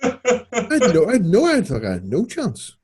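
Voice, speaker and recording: A middle-aged man with a Belfast accent, co-hosting a podcast in relaxed, rambling casual chat. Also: high-pitched, moderate pace. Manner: relaxed, rambling, self-correcting. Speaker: podcast co-host.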